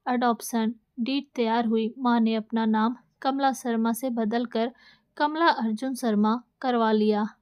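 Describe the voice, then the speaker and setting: Woman reading a story with a fairly high voice. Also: steady tone, a little slow, clean tone, lo-fi sound. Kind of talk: scripted narration.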